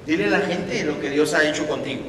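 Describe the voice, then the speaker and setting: A man preaching a sermon with emphatic repetition, swinging between loud and soft, in a church hall. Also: fast talker. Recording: echoey hall from far off, faint rumble.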